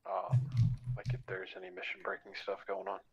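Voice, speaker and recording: A man's voice: low-pitched, fairly even intonation, brisk, slightly rough, lo-fi sound. A man calling clipped radio checks and call signs over an in-game walkie-talkie, using military radio procedure. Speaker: unit radio operator.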